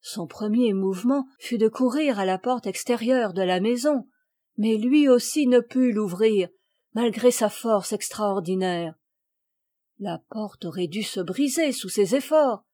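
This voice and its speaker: A woman's voice: a little slow, dark tone. A woman reading a classic children's fairy tale aloud as an audiobook, lifting her voice for the characters' cries. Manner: acts out the characters' cries with raised pitch and volume. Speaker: audiobook reader.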